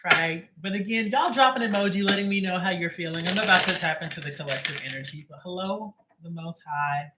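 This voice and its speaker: A man's voice: high voice, fast talker, hardly any pauses, heavy background noise. A man hosting a live tarot reading, chatting casually with viewers and greeting them by name between joking asides. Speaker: tarot reader. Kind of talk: livestream chat before a reading.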